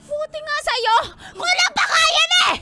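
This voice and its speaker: Filipino lady doing a jealous clingy gf, super high and shrill, bossy, loud music under it. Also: lively intonation, normal speed, exaggerated voice. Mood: furious. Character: jealous, clingy, violent young girlfriend. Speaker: comedy podcast co-host. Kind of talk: comedic skit reenactment.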